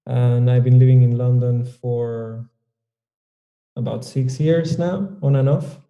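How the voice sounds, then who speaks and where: A man from Argentina, a Spanish speaker, talking as a yoga teacher guest in a relaxed, thoughtful way. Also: mid-range voice, slow, highs cut off. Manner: relaxed, thoughtful, with fillers and some restarts. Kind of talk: casual interview. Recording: echoey room.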